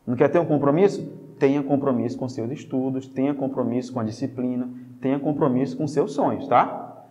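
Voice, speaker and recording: A man with a Brazilian Portuguese accent teaching a spelling lesson, lively and jokey, checking in with the class through quick tag questions. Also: medium pitch, in a large hall, highs cut off.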